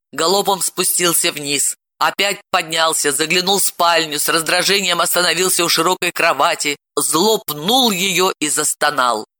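A man narrating an audiobook with an expressive, dramatic reading. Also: fairly high pitch, no room sound, clean studio sound.

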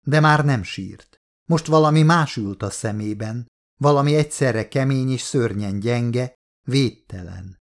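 A man reading a horror novel aloud as an audiobook narrator, steady and measured. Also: medium pitch, vocal fry.

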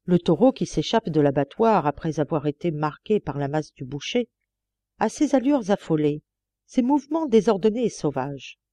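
A woman reading a classic novel aloud as an audiobook narrator, measured and expressive. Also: low-pitched, no echo. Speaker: audiobook reader. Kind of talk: scripted narration.

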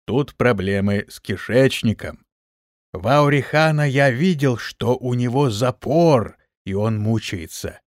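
A man narrating a fantasy audiobook in the first person with an expressive delivery. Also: medium pitch, measured pace, no echo, clean studio sound.

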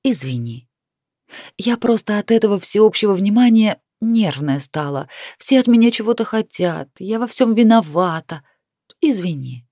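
A woman's voice: medium pitch, expressive, normal speed, warm tone, dry recording, clean studio sound, lightly acted. Prickly nervous clairvoyant wife, as a woman reads her. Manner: wry, prickly, defensive. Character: touchy, nervous middle-aged wife, a clairvoyant.

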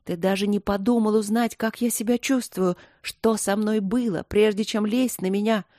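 A woman voicing a young wife who is exhausted and shouting through her tears. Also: fairly low pitch, animated, normal speed, dry recording, clean studio sound, close to an everyday voice. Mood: furious.

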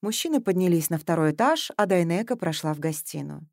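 A woman narrating a novel in a measured, even reading voice. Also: on the low side, gravelly, no room sound, clean studio sound. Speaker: audiobook narrator. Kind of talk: scripted narration.

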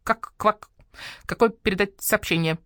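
A woman voicing a drowsy frog messenger who mumbles and croaks into her words, in a dry recording. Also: medium pitch, a little slow, fairly bright tone, dry recording, close to an everyday voice. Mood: sleepy.

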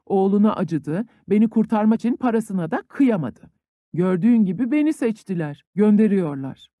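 A man voicing a bitter, grief-stricken young peasant conscript who breaks into furious shouting. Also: high voice, animated, normal speed, no room sound, narrow, tinny audio. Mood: sorrowful.

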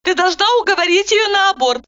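Lady putting on a bossy worked-up woman doctor, high bright voice yelling orders, muffled audio. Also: lively intonation, fast talker, no echo. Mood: brisk. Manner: shouting orders, emphatic.

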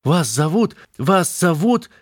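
A man reading a storybook, voicing a confused young woman in a high, pleading voice. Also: lively intonation, moderate pace.

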